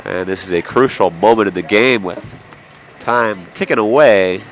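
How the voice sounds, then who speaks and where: A man calls a local hockey game play-by-play in a lowish voice, a bit stuffy and nasal from a cold. He drops in jokey, chatty asides between the action. Faint arena noise sits behind him. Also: moderate pace. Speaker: play-by-play commentator. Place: indoor sports arena.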